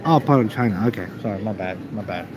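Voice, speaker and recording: A man casually chatting to live stream viewers in a halting, repetitive way. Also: on the low side. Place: busy airport waiting area. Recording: noisy airport background ambience.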